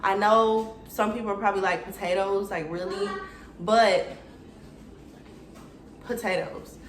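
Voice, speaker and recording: A YouTuber in her twenties from Atlanta, Georgia, USA, talks casually to viewers in a get-to-know-me video. She has an Atlanta Southern US accent and is chatty and slangy, addressing viewers directly. Her medium-pitched voice is steady and a little slow, in a roomy space with slight background noise.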